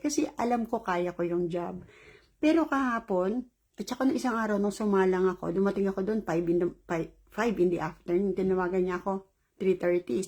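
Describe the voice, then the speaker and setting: Weary woman with a husky, mellow voice. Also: fairly low pitch. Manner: rambling, animated retelling with laughs. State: tired after a long shift. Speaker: caregiver. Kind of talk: casual vlog storytelling.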